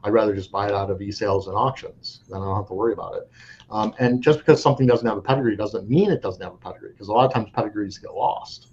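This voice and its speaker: Quick-paced and a little mellow, this fairly low voice belongs to a coin dealer being interviewed casually. He's frank, wanders in his answers, and often starts sentences over; the audio is dull, lo-fi, and faintly noisy.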